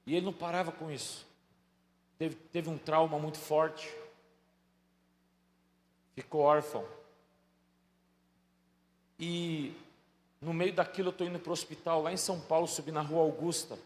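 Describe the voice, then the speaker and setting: A middle-aged man, preaching a sermon as a pastor, telling stories that swing from soft asides to loud bursts. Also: a little high, fairly even intonation, measured pace, long pauses. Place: large church hall. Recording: echoey hall with faint ambience.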